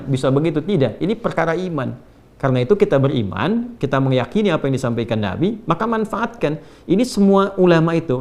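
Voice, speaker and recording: A man's voice: a little high, a little mellow. A man preaching a religious lecture in a conversational way. He asks rhetorical questions, adds tag words like "ya", and recites Arabic verses in between his explanations. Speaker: Islamic preacher. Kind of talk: sermon-style religious lecture.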